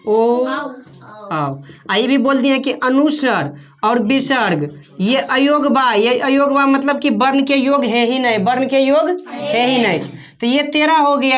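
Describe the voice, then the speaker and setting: A woman with a high voice teaches a class. She keeps asking her students questions and echoing their answers back to them. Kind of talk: classroom grammar lesson.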